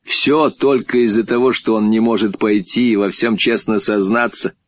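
A man narrating a children's storybook in a lively, expressive reading voice. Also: normal speed, no room sound. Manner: expressive, with wide swings in pitch. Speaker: audiobook narrator.

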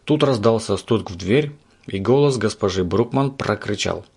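Male storybook narrator, low and gravelly. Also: normal speed. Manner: lively storytelling. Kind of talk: reading a children's story aloud.

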